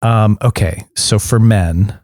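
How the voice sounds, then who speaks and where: A man's voice: fairly low pitch, takes it slowly, no echo, studio quality. A man in his thirties co-hosting a podcast, chatting playfully and laughing often. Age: 30s. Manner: playful, laughs often, animated game-show patter. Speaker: podcast co-host. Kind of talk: casual podcast chat.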